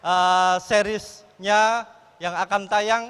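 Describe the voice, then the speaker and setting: A man works as MC at a live stage event. His voice is fairly high and comes through with a long hall echo. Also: steady tone, drawn-out words, a bit bright, smooth. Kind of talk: stage hosting. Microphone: handheld microphone.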